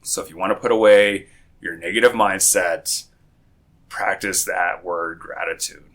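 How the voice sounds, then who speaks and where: Low-voiced man with a groggy morning voice. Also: fairly even intonation, a little slow, a bit bright. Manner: rambling, with frequent restarts and self-corrections. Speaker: podcast host. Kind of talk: casual podcast chat.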